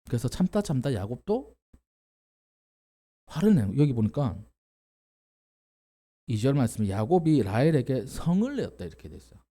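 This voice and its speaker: A man preaching a Bible-teaching sermon in a church, telling the story with lively questions to the congregation and acted-out lines. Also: mid-range voice, normal speed, long pauses. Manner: animated storytelling, acts out quoted characters, asks the congregation questions. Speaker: pastor.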